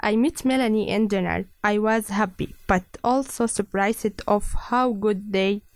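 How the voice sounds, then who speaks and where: A woman's voice: mid-range voice, measured pace, no echo. A young woman from Syria with a Syrian Arabic accent. Arabic is her first language, and she speaks simple, careful English as a new radio co-host. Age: young adult.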